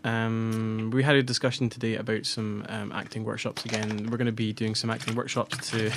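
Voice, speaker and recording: A man's voice: fairly low pitch, steady tone, normal speed, bright, forceful tone, a little hiss or hum. A Glaswegian man co-hosting a casual podcast chat, making dry, matter-of-fact remarks. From Scotland. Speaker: podcast co-host.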